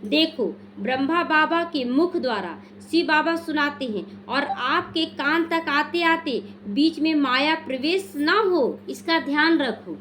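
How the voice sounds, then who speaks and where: A woman with a high voice gives a devotional lesson. She sets out each teaching point by point, earnest and gently urging, and checks in with her listeners through questions. A faint hum of background noise sits beneath her words. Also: animated, a little slow, hardly any pauses. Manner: explains point by point, quizzing listeners. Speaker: spiritual teacher.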